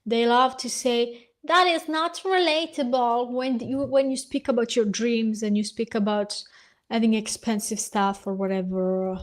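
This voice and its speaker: A young woman talks straight to camera in a blunt, defiant, dismissive rant. Her voice sits a little high, and it is worn down as she loses it. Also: little pitch movement, measured pace, a little mellow. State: losing her voice. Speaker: vlogger. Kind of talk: casual vlog rant.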